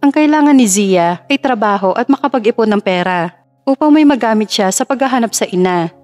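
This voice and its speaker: A woman narrating a dramatic story in a steady, emotive reading. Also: fairly high pitch, fairly quick. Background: faint background music.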